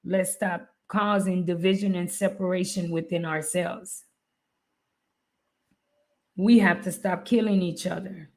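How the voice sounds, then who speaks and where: Slow, earnest woman hosting a livestream. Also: fairly low pitch, fairly even intonation, darkish tone. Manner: earnest, repeats points for emphasis. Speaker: livestream host. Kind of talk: live-stream commentary.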